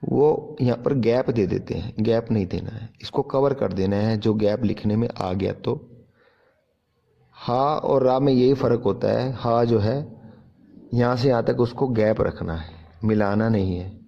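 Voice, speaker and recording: A man teaching handwriting with slow, deliberate explanations. His voice sits low and dark. The recording is dull and lo-fi, and he calmly repeats each correction. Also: gravelly. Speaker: Punjabi writing teacher. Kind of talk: step-by-step handwriting lesson.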